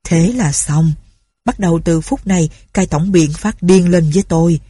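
A woman doing a gruff, scheming old ex-pirate chief. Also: on the low side, normal speed, dark tone, dry recording. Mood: commanding. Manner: bossy, gruff commands.

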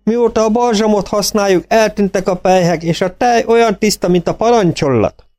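A man's voice: sits high, darkish tone, pitched above the performer's own voice, close to an everyday voice. A man voicing a big, stately old farmer who talks in rustic country dialect, in an audiobook. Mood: pleased.

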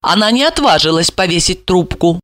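A woman narrating an audiobook in an expressive storytelling manner. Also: lowish voice, normal speed, no room sound, clean studio sound. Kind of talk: scripted narration.

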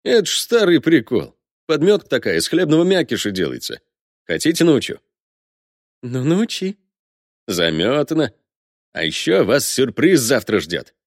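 A man's voice: mid-range voice, huge pitch swings, normal speed, dry recording, clean studio sound, voice pushed up. A man voicing a joking young male sniper who clowns around in a theatrical mock-announcer manner, in an audiobook. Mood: playful.

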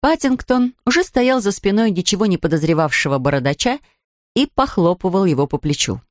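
A woman narrating a children's story in an expressive, steady reading style. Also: mid-range voice, a little fast, no room sound, clean studio sound. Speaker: audiobook narrator.

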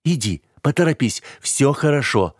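A man's voice: medium pitch, expressive, moderate pace, breathy edge, no echo, clean studio sound, voice pushed up. A man doing an urgent, commanding young man. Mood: forced cheerful. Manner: urgent, commanding, forced cheer.

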